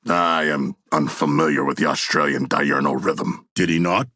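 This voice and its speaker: A man voicing a huge, earnest, proudly ferocious shark-man warrior in a video game, with gravelly, stiffly formal and grandiose diction. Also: rumbling low, steady tone, normal speed, pushed and bright, no room sound, studio quality, heavily acted. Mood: thoughtful, earnest. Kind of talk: video game character battle barks.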